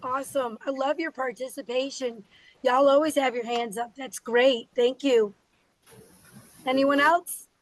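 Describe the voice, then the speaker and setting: Hoarse, spooky-croaky woman teacher, slow and high. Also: fairly even intonation, no room sound, rough recording. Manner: encouraging. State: hoarse, recovering from a lost voice. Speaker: teacher leading social emotional learning. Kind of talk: interactive online class for schoolchildren.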